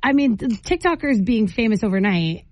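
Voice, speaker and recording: A woman hosting a morning radio show, chatting casually in an animated, informal way with a co-host and callers. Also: fairly high pitch, moderate pace, no echo. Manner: animated, informal, terms of endearment. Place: radio studio. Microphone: close studio microphone. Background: faint music.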